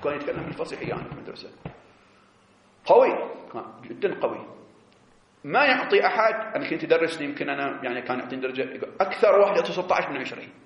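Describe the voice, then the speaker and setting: A man giving a seminary lecture, explaining animatedly and drawing out key words slowly. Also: fairly high pitch, very animated, a little hiss or hum. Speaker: teacher of religious jurisprudence. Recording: echoey, dull lo-fi classroom recording.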